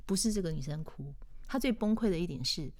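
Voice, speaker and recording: A woman's voice: fairly low pitch, fast talker. A woman with a Taiwanese Mandarin accent co-hosting a podcast in casual chat, telling stories with animation and frequent laughter. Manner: animated storyteller who laughs often. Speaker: podcast co-host.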